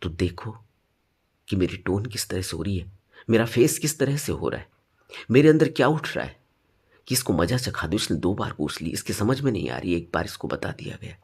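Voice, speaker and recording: A man teaching meditation in a spoken dharma talk, stressing points with sudden rises and then dropping low. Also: sing-song, moderate pace, darkish tone, breathy edge.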